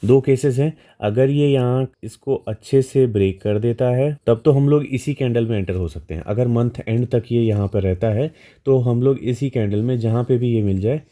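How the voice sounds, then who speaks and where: A man's voice: mid-range voice, moderate pace, warm tone. A man with an Indian accent walking through a stock chart in a casual, explanatory way, often checking in with his listeners. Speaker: stock market educator.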